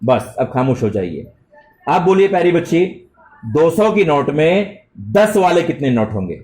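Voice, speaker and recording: A man's voice: fairly high pitch, sing-song, moderate pace, darkish tone. A middle-aged man teaching math to a full classroom of children, speaking politely and praising them. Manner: addresses students with polite forms and praise.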